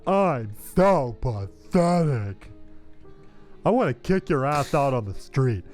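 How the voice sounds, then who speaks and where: A man's voice: medium pitch, sing-song, slow pace, darkish tone, soft background music. A man voicing an irritable young woman who grudgingly takes in a roommate, in fan voice acting of a game script. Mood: exasperated. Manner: snappish, exasperated.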